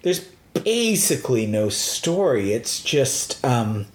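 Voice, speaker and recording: A man's voice: mid-range voice, sing-song, slow pace. A man from the United States chatting casually as a co-host, rambling and hesitant with many fillers. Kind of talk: casual chat. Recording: roomy echo.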